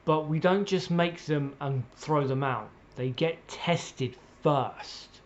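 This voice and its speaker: A political commentator, a man with a medium-pitched voice, launches into an opinionated rant. He's blunt, sweary and exasperated, hammering his points with emphatic pauses and repetition. The audio is slightly muffled.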